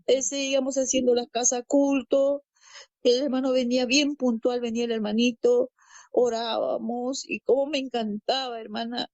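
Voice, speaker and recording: A woman's voice: a little high, darkish tone, dry recording, dull audio. A woman from Peru telling her conversion testimony as a guest, storytelling and acting out quoted dialogue, repeating phrases. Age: adult parent. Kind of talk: personal faith testimony.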